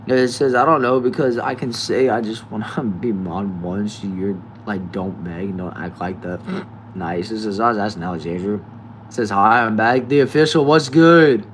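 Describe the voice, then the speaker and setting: Answering viewer comments one at a time on his live stream, this young American guy in his late teens sounds relaxed and chatty. His slightly low voice tends to fade softly at the end of lines, while air conditioning hums faintly behind him.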